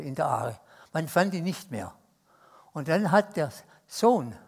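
This Swiss man, speaking with a Swiss German accent, delivers a sermon full of stories. His voice sits on the high side and moves between loud emphasis and hushed asides.

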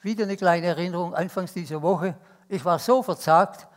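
A Swiss man with a Swiss German accent preaching a sermon, telling stories that swing between loud emphasis and hushed asides. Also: high-pitched, normal speed. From Switzerland.

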